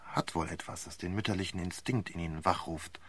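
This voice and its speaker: A man voicing a gruff, grumbling older male barrister, low and muttering, in a dry, close reading. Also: fairly even intonation, fairly quick, fairly bright tone, no echo. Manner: growling, grumbling.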